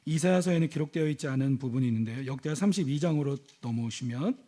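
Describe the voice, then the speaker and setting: A middle-aged male pastor preaching a sermon. He swings between loud exhortation and hushed, intimate speech, asks the congregation questions and calls out hallelujah. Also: medium pitch, expressive, quick pace.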